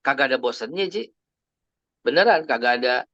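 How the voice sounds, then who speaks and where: A man's voice: medium pitch, animated, a little fast, a bit bright, dry recording. A man, telling personal stories in a chatty family sermon and sprinkling in English phrases. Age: 50s. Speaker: Islamic preacher. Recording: dry, slightly dull lo-fi recording.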